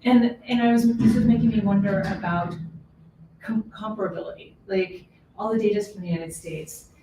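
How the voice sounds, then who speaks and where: A woman's voice: mid-range voice, fairly even intonation, normal speed, mellow, slight background noise. A woman in the audience asking the speaker a thoughtful question and correcting herself as she goes. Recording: distant roomy audience mic.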